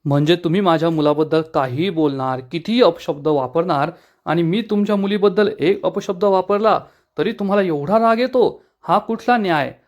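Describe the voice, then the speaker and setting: A man's voice: high-pitched, moderate pace, muffled recording, close to an everyday voice. A man voicing an angry, scheming middle-aged male politician in a sneering, bitter tone. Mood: scornful.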